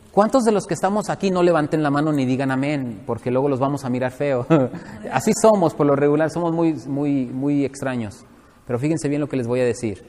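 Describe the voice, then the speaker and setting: A man preaching in a church hall, his voice pitched a little high and trailing a long echo. He jokes and asks the congregation questions as he goes. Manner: lively, joking, addresses the congregation directly. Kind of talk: sermon.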